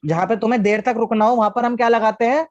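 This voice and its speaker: A man's voice: very high-pitched, fairly even intonation, quick pace, no echo. A man teaching an online class, patiently asking the class questions and answering them himself. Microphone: video call. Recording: dull lo-fi online class audio.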